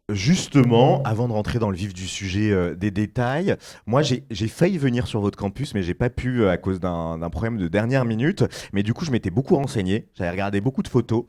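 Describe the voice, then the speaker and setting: A man's voice: fairly low pitch, mellow. A man interviewing a guest at a student fair in a chatty, joking manner. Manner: chatty, jokey, asks questions casually.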